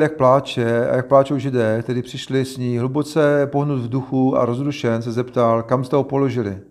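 A man's voice: mid-range voice, a little mellow. Man preaching on scripture. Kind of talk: Bible reading and sermon.

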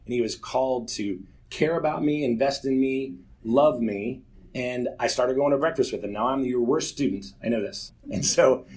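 A man in his forties shares an earnest, candid personal testimony with a church group, weaving in stories told with self-deprecating humor. His voice sits at a medium pitch and sounds a little mellow.

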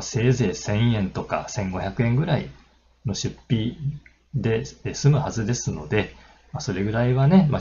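A deep-voiced man talks through travel tips in a relaxed, chatty way, and his pitch rises and falls a lot. He pads his talk with fillers and friendly asides. The recording is slightly muffled, with faint ambience behind him. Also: slight background noise. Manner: chatty, many fillers and tag particles. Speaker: railway travel channel host. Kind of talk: casual explanatory talk.

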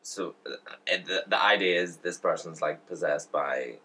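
A man with a very low, deep voice co-hosts a casual podcast. He swears freely and tells stories with animated emphasis, filling the gaps with "like" and "mate". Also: moderate pace, breathy edge. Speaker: podcast co-host. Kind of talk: casual chat.

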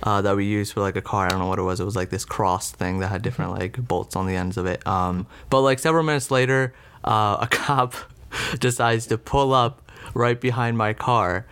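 A man's voice: fairly low pitch, steady tone, fairly quick, a bit bright, clean tone. A man in his twenties recounting a story in a casual interview, rambling with lots of "like" and "um". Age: 20s. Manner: rambling, frequent "like" and "um", laughs.

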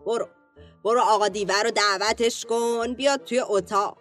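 A woman voicing a weary mother in a children's story, scolding her daughter in a slow, sing-song rhyming lament. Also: a little high, steady tone, fairly bright tone, soft background music, lightly acted.

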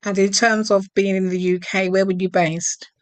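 A woman hosting an interview podcast, speaking in a measured, formal manner. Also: medium pitch, level tone, smooth. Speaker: podcast host.

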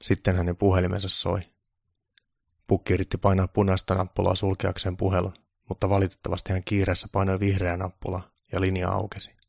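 A man narrating a comic storybook in a deadpan way. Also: sits low, vocal fry, no echo, studio quality.

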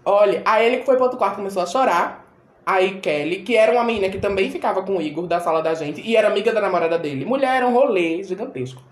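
A woman's voice: mid-range voice, fast talker. A woman hosting a podcast, telling a story in casual chat and acting out the voices of the people in it. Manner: animated, acts out quoted voices. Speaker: podcast host. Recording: roomy echo.

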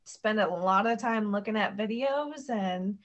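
A woman's voice: mid-range voice, unhurried, highs cut off. A young woman from the United States, a podcast guest talking casually about her faith, with plenty of "like" and "um". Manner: chatty, peppered with "like" and "um". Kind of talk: casual conversation.

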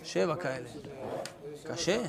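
A rabbi leads an informal class for students, speaking in a fairly high, gravelly voice. He is lively and calls students by name as he teaches. He acts out little scenes from daily life to make his point. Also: a loud crowd.

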